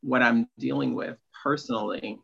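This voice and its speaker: A man in his late thirties, an empowerment coach appearing as a podcast guest, speaks candidly, confiding and emphatic, in a candid personal conversation. His medium-pitched voice is steady and moderate in pace, with vocal fry, a sharp tone and a breathy edge. The audio is slightly muffled.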